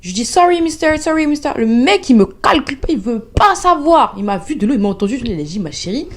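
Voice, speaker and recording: Young woman telling a frantic travel story. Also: quick pace. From France. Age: young adult. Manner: animated storytelling, jumps into high-pitched replays of her panic. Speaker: vlogger. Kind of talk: storytime vlog.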